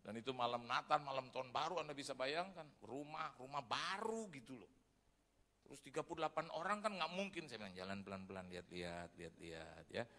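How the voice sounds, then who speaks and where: A man's voice: fairly high pitch, fairly quick, slight background noise. A male pastor giving a humorous sermon, telling a story to the congregation and acting out the other people in it. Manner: lively storytelling that acts out other people's voices; humorous and chatty, addressing the congregation as "saudara". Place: church hall. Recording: long reverb of a large hall.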